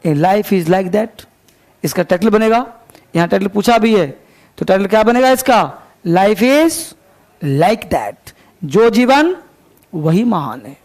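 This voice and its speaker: High-pitched, gravelly male teacher. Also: animated, a little mellow. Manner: slow, deliberate reading of English lines, quicker asides. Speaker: English teacher. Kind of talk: reading a story aloud and explaining it line by line. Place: coaching class.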